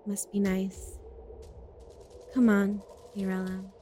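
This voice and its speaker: A woman's voice: medium pitch, completely flat delivery, slow, warm tone, slight background noise, lightly acted. A woman playing an overdramatic young heroine. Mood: melodramatic. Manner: dramatic, overwrought, brooding monologue. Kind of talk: audio drama acting.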